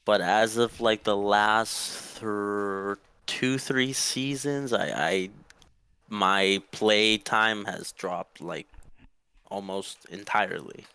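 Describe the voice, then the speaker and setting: A young man from Mexico chats with his coach over a voice call, polite and upbeat, often restarting mid-sentence. His voice sits low but sounds bright and crisp, recorded close and dry. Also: slow, dry recording. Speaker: student player. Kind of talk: casual chat.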